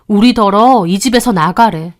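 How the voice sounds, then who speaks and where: A woman voicing a sharp-tongued, contemptuous sister-in-law with a raised voice. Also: mid-range voice, moderate pace, lightly acted. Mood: scornful.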